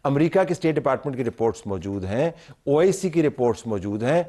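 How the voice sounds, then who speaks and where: A man's voice: mid-range voice, lively intonation, dark tone. Man hosting a TV debate. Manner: pointed questioning, moderating heated guests. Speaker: talk show host. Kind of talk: televised political debate.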